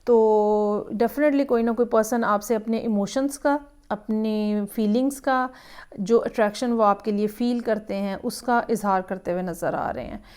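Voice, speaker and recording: A woman's voice: medium pitch, steady tone, measured pace, darkish tone, smooth. A woman giving a weekly tarot horoscope reading, musing aloud and slipping English phrases into her talk. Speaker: tarot reader.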